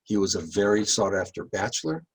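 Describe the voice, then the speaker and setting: Husky-voiced man giving a rambling history talk. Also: lowish voice, very animated, low-quality recording. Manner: chatty, halting with many fillers, rises when emphatic. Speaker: tour guide.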